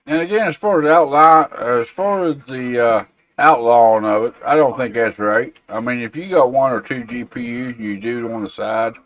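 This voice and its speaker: A man's voice: mid-range voice, moderate pace, dry recording, lo-fi sound. A man hosting a tech show, chatting casually and informally and reacting to viewer comments. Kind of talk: casual livestream chat.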